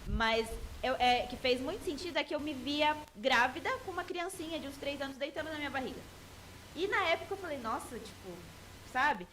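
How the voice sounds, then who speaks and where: Fast-talking high-voiced Brazilian woman. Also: animated, a bit bright, slight background noise, poor audio. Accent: Brazilian Portuguese. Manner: earnest, talks fast and reflective about faith and family. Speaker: podcast guest. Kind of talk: casual interview talk.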